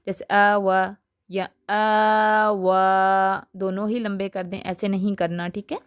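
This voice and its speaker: A woman teaches recitation rules in a patient, explanatory voice of middle pitch. She draws out each example syllable slowly and deliberately. The recording is dry and close, with no room sound. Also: dry recording. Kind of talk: recorded tajweed lesson.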